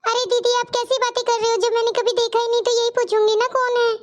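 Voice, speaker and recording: A woman voicing a chatty, blunt, naive younger sister in a cartoon story, with a high, squeaky voice. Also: flat delivery, fast talker.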